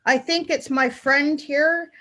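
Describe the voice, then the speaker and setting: High, bright-voiced woman at a reading. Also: fairly even intonation, slow pace. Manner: repeats questions back to others. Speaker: audience member.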